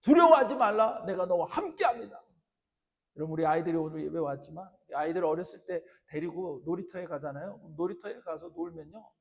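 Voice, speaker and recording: A man preaching a sermon as pastor, swinging from quiet storytelling to loud, emphatic declarations. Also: a little high, quick pace, vocal fry, highs cut off. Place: church sanctuary. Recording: reverberant church sanctuary.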